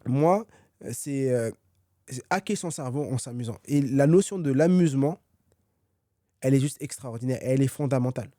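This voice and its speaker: A man's voice: mid-range voice, normal speed, warm tone, dry recording, clean studio sound. A man being interviewed as a guest author, talking energetically with many fillers and restarts. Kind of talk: conversational podcast dialogue.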